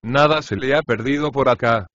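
A man voicing a sleepy, irritated husband dragged out of bed, grumbling at everyone. The voice is a plain middle pitch. It is recorded close and dry with a slightly muffled tone. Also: moderate pace, a bit bright, no echo, lightly acted. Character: grumpy, sleepy middle-aged husband, a prosecutor.

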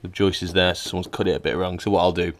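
A man's voice: low voice, little pitch movement, racing. A man, an electrician, chatting casually and dryly as he explains his work in a house. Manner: chatty, dry, explains as he works. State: out of breath at times. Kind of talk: casual work vlog narration. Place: house being rewired, indoors.

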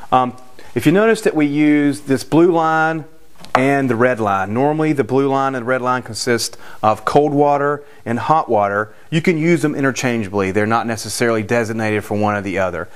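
A man's voice: mid-range voice, a little fast, clean tone. A man in his forties, a general contractor, casually explaining work on site in an unfinished house, with frequent restarts and fillers. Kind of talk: on-site construction walkthrough. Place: unfinished house interior with bare stud walls.

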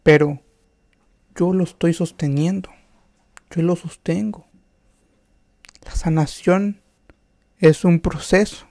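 A man preaching a sermon, slow and emphatic, with rhetorical questions and frequent restarts. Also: a little high, vocal fry, a little mellow, dry recording.

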